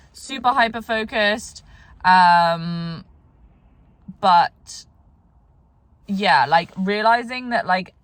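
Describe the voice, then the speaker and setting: A tired woman talks through her horse training in a reflective vlog, wandering from thought to thought with lots of "like" and restarts. Her voice sits a little low, and the sound is dry and close with no room around it. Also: fairly bright tone, dry recording. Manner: rambling, many "like" fillers and restarts. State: tired, yawning.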